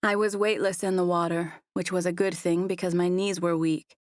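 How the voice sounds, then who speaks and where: A woman narrating a first-person romance audiobook in a soft, even storytelling voice on a close mic. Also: on the low side, moderate pace, no echo.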